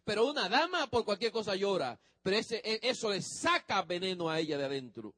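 A man's voice: sits high, big pitch swings, fairly quick, sharp tone, no room sound. A male pastor preaching a sermon, speaking emphatically to the congregation and drawing out the ends of phrases.

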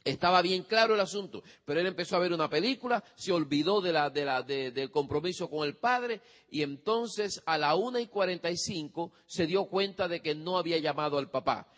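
A man's voice: on the high side, a little fast, hardly any pauses, a bit bright. Preacher man in an echoing hall. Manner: storytelling with acted-out quotes and audience questions. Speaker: preacher giving parenting advice. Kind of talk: sermon. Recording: long hall reverb.

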